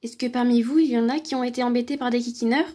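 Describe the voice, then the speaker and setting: A woman's voice: on the high side, fairly even intonation, rapid-fire, warm tone, lightly acted. A woman voicing a stern but kind male schoolteacher in a read-aloud children's story, speaking firmly and reassuringly. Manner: firm, reassuring classroom address.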